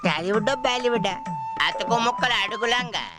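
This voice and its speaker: An actor playing a comic police officer who teases and bosses people around in film dialogue. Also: male voice, sits high, fairly quick, over loud music, close to an everyday voice. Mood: teasing. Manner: teasing, mocking and bossy. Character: joking, bossy male police officer.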